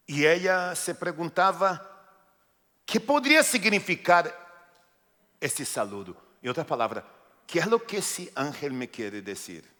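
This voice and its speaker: Lively pastor preaching in a hall. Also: male voice, mid-range voice. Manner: lively, jokes, acts out voices. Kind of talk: sermon. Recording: reverberant church hall.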